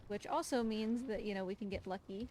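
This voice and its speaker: A woman hosts a livestream and speedruns a video game, talking a little fast at medium pitch. Her commentary is loose, chatty and explanatory, aimed at viewers and at the creature on screen. The audio is clearly noisy, with the game audible underneath.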